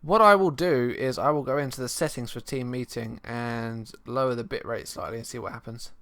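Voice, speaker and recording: Chatty bright-voiced man. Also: medium pitch, fairly quick. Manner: chatty, laughs often, bursts of loud energy. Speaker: stream host. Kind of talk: casual live-stream chat.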